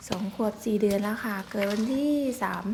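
The background is noisy as a woman vlogger films elephants and narrates her forest outing in a mid-range, level voice, a little fast. Her manner is chatty and polite, with many soft particles.

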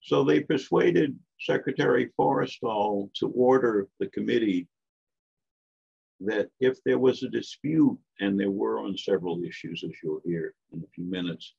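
Older male guest lecturer, low gravelly voice, emphatic academic delivery with asides, muffled lo-fi audio. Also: darkish tone. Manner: measured, emphatic, with frequent asides. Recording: dull lo-fi lecture recording.

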